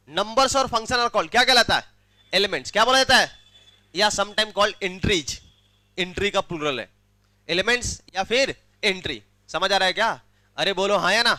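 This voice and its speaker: A man lectures a maths class in a high, bright, ringing voice. He keeps asking questions and repeats them to draw answers out of his students. The sound is dry and close. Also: dry recording. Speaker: maths teacher.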